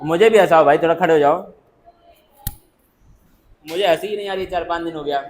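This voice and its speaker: A fairly high-pitched male lecturer talks a little fast, with a slight hiss or hum on the recording. His class runs on constant rhetorical questions and answers drilled back and forth, and he keeps joking, teasing and calling on students by name.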